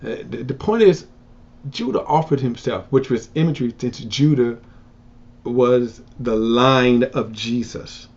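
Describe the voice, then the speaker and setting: A man's voice: mid-range voice, unhurried, a little mellow. A man casually teaching from the Bible, retelling a story with many fillers and restarts, and acting out its characters in raised voices. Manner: rambling, full of fillers and restarts, acts out quotes in raised voices. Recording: dull lo-fi recording.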